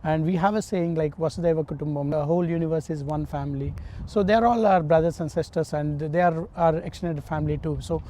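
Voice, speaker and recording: An earnest man answers interview questions as a candidate. His voice sits a little high, and he often stalls on fillers and restarts. Traffic noise and the hum of a street come through clearly behind him. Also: a little fast, mellow, rough recording. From India. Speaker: political candidate.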